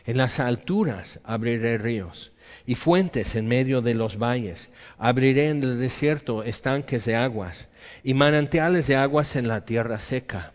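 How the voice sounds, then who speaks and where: A man preaching a sermon, swinging between loud emphatic lines and soft quiet ones. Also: medium pitch, a little slow, big-room sound, highs cut off. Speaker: pastor.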